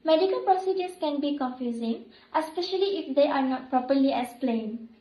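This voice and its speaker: A woman's voice: high-pitched, expressive, fairly quick, mellow. A young woman playing an empathetic hospital nurse in a scripted role-play, speaking with earnest, formal sympathy. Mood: reassuring, calm. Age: young adult. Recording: roomy echo.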